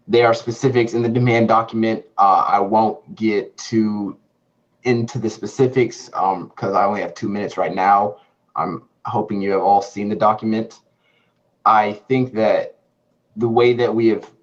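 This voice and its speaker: A man speaking at a council meeting as a community group's chair, measured and earnest with some fillers. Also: fairly low pitch. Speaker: coalition chair, public commenter. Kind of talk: public comment at council meeting. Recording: dull lo-fi remote audio.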